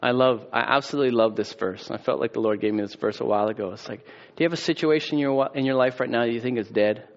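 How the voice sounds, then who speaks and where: A man's voice: medium pitch, fast talker, hardly any pauses, dull audio. A man preaching a sermon as a pastor, casual and conversational, with rhetorical questions and a closing prayer.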